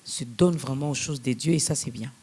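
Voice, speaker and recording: A man's voice: mid-range voice, brisk, a little mellow, breathy edge. A man with a Congolese French accent hosting a casual promotional chat, jovially repeating event details back to his guests. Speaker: talk show host.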